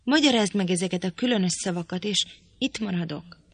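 A woman's voice: mid-range voice, slightly rough, no room sound. A woman reading the part of a proud, impatient young woman who scolds irritably in an audiobook. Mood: stern.

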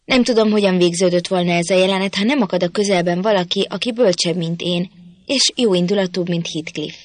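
A woman reading a novel aloud as steady, scripted narration on a close mic. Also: fairly low pitch, dry recording. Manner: steady storytelling. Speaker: audiobook reader.

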